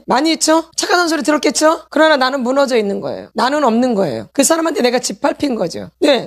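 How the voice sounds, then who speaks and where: Fast-talking high-voiced woman preacher. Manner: asks the audience for assent again and again; repetitive, emphatic preaching. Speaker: pastor. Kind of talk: sermon.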